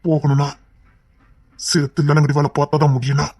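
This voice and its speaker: A man's voice: on the high side, level tone, fairly quick, breathy edge. A man playing a desperate, lovesick husband. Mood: determined. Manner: hushed, intense vows. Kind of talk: Tamil audio drama acting.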